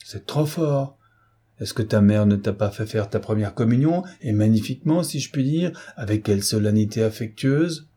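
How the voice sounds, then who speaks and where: A man's voice: fairly low pitch, moderate pace, warm tone, breathy edge. A man doing a stern, indignant father. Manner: indignant, curt. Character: stern, wounded bourgeois father.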